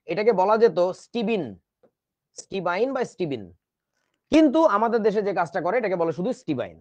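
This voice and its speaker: A man's voice: high-pitched, dry recording. A man teaching chemistry in a lecture, joking around and spelling out words letter by letter. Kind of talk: classroom lecture. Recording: dull, dry recording.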